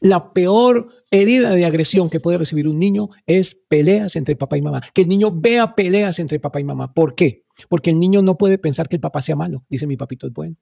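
Gravelly earnest male radio preacher. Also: sits high, moderate pace, hardly any pauses, warm tone, no room sound, studio quality. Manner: earnest, addresses listeners as brothers. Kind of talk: preaching talk on radio and video.

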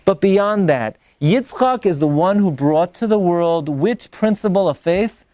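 High-pitched man teaching Torah. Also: a little mellow, dry recording. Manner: question-and-answer delivery, emphatic. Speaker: rabbi giving a religious class. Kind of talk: animated Torah lecture.

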